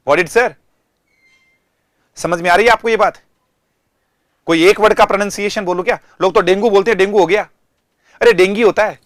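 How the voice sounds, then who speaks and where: A man with an Indian accent teaching an online language lesson in a lively, teasing, mock-exasperated way. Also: sits high, no room sound, studio quality.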